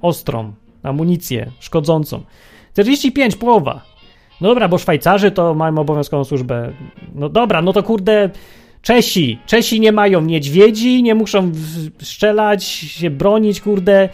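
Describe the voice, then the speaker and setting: A man's voice: high-pitched, lively intonation, unhurried, a little mellow, soft background music. A man hosting a radio talk show, delivering an opinionated, sarcastic monologue with mocking exclamations.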